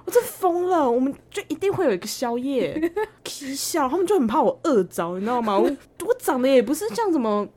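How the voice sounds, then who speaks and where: A young woman co-hosting a casual podcast chat, telling family stories with lively mimicry and frequent laughter. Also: high voice, a little fast. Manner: animated storytelling, mimics parents, laughs often. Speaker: podcast co-host.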